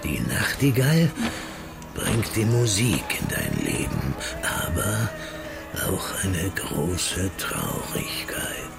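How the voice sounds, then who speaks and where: An actor playing an eerie mystic fortune-teller who speaks of spirits in a slow, portentous drama delivery that sinks into whispers. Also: male voice, fairly low pitch, wildly swooping pitch, gravelly, full character voice. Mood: solemn, eerie. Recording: loud music under the voice.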